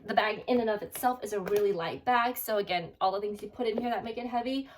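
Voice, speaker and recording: A woman's voice: medium pitch, fast talker, slight background noise. A woman vlogger giving a casual product review, chatty and friendly with many fillers, sounding slightly out of breath.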